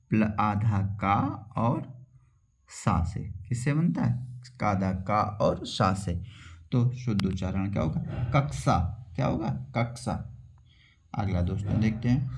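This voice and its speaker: A man's voice: on the low side, dark tone. A man teaching an exam-prep lesson, explaining step by step and repeating each question and answer back to his viewers. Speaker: Hindi teacher.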